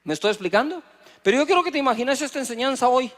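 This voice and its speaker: A man's voice: very high-pitched, rapid-fire. A middle-aged man with a Guatemalan Spanish accent, preaching a sermon, acting out little dialogues and calling on the congregation to answer. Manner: lively preaching with acted dialogue and audience prompts. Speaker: pastor.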